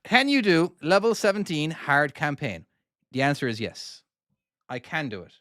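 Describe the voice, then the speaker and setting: Fairly high-pitched and very animated, with a fairly bright tone, the man speaks at a moderate pace. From Cork and with an Irish accent, he casually comments live on his own trucking game, talking through each move and replying to chat questions. The recording is dry and of studio quality.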